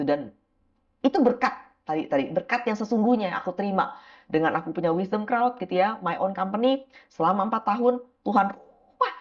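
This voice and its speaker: A woman's voice: lowish voice, dull audio. A woman evangelist and business founder from Indonesia, telling her faith story casually and acting out her prayers and quoted conversations. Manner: lively storytelling, acts out prayers and quoted talk; casual, frequent gitu ya fillers. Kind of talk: testimony interview.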